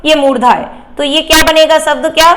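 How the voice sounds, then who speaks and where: A woman teacher giving a Hindi grammar lesson, explaining slowly and asking and answering her own questions. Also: high-pitched, steady tone, fairly bright tone.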